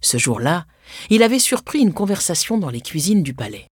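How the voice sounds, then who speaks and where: A woman reads a children's storybook aloud as scripted narration. Her pitch moves a lot and rises on dramatic words. The sound is dry and close, with no room around it. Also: sing-song, a little fast, husky, no echo.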